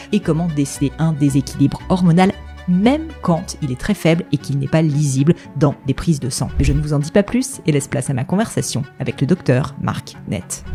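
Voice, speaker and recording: Measured female podcast host over music. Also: low voice, warm tone. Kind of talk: scripted introduction, then interview questions.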